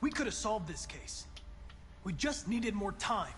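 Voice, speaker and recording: An actor playing a male android detective in a video game, with an overly smooth, even and controlled way of talking. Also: high voice, a little slow, slight background noise, heavily acted. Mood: calm.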